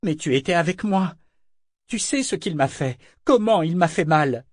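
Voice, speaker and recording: A man's voice: sits high, steady tone, unhurried, no echo, clean studio sound, voice pushed up. A man reading aloud, voicing a stubborn young woman sailor who sounds raw and pleading. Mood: hurt. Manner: pleading and raw, breaking into shouts.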